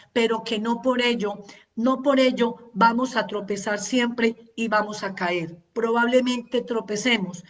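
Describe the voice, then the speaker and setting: A woman leads a parenting masterclass in a slow, deliberate teaching voice, pitched a little high. She is earnest and repeats words for emphasis as she runs through long lists. Her voice sounds distant from the microphone.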